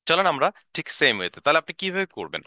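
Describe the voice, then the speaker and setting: A man teaching an English lesson, drilling short sentences and asking learners to repeat after him. His pitch swings widely as he talks, and the tone is very bright. The sound is dry, close to the mic. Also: very animated, fast talker, dry recording.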